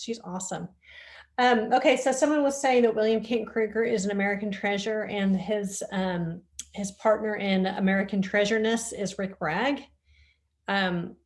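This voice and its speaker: A woman gushing about her favorite reads over a video call, warm with enthusiasm and full of little ums. Her voice sits at a middling pitch for a woman and the sound comes through a video-call mic. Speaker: bookshop co-owner discussing books. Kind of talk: casual book chat over video call.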